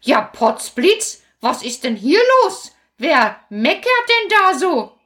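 A fussy old grandmother, played by a woman gently scolds and exclaims in a storybook. Her voice rises high and swings wide, spoken slowly. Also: sing-song, heavily acted. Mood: delighted.

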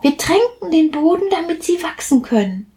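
Woman doing a high, chirpy little water drop boy. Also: sing-song, moderate pace, warm tone, slight background noise. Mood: cheerfully explaining. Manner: eager, explaining. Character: cheerful know-it-all young male water drop.

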